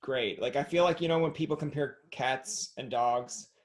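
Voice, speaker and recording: A man's voice: medium pitch, moderate pace. A man hosting a casual podcast interview over a video call. He jokes and acts out little scenes. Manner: jokey, animated storyteller who acts out quotes. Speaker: podcast host.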